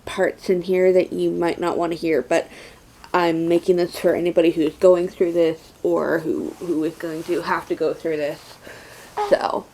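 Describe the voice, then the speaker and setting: A young adult woman giving a casual personal update, halting, her speech slurred and lisping from having no teeth. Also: on the low side, little pitch movement, a little mellow, low-quality recording. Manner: slow, halting, with many pauses. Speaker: vlogger.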